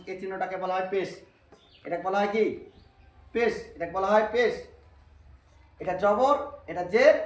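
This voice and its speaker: A male Quran teacher leads an Arabic reading lesson in an echoey room, his voice fairly high. He goes through drills slowly and patiently, repeating them and asking and answering his own questions.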